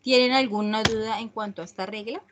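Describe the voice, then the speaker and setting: A woman's voice: a little high, steady tone, background noise. A woman teaching an English class, explaining spelling rules step by step and checking often that students follow. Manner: slow and patient, often checking with a questioning "¿sí?"; reads English examples slowly and deliberately.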